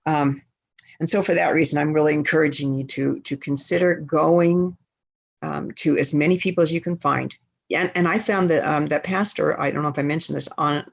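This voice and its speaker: A woman's voice: deep voice, vocal fry, dull audio. A woman author giving an earnest, conversational talk to a writers' group over a video call. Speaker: guest speaker author.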